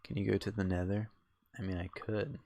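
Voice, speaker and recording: Low gravelly-voiced male streamer. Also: flat delivery, fairly quick, warm tone, no room sound. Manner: rambling, many fillers and restarts. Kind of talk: casual chat while gaming.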